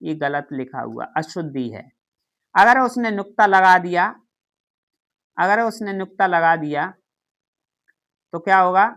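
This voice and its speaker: A woman's voice: lowish voice, lively intonation, a little slow, pauses often, fairly bright tone. A woman teaching a grammar lesson, who keeps asking questions and answering them herself. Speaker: Hindi teacher.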